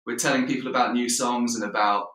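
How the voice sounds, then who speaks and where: A man's voice: medium pitch, fairly even intonation, quick pace, a bit bright. A man from the UK in a band, chatting casually and self-deprecatingly over a video call. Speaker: band member guest. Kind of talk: casual interview chat. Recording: echoey room, far from mic.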